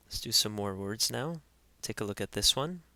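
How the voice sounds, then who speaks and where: A man teaching pronunciation in an instructional voice-over, carefully spelling out each sound and repeating every word slowly. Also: lowish voice, animated, sharp tone, dry recording. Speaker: language teacher.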